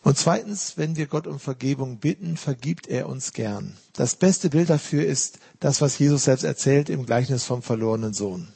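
Male pastor preaching a sermon, earnest and conversational, gravelly and husky. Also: mid-range voice, animated, moderate pace, few pauses, mellow. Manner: earnest, with everyday asides.

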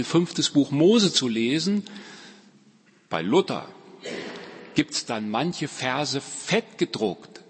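A man delivers a sermon, slow and deliberate, repeating his key lines for weight. His voice is husky. The sound carries a long reverberant tail, as in a church hall. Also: mid-range voice. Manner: emphatic, repeats key phrases, varies loudness. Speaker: pastor. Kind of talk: farewell sermon.

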